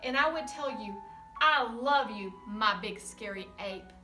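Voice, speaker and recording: A woman voicing a loving, patient storybook mother who answers calmly and reassuringly. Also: on the high side, a little slow, roomy sound, distant mic, faint music behind. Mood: loving, soothing. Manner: warm and reassuring.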